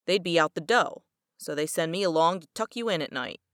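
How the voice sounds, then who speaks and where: A woman's voice: lowish voice, lively intonation, brisk, fairly bright tone, no room sound, clean studio sound. A woman reading the lines of a callous, hard-boiled male detective with blunt, slangy talk.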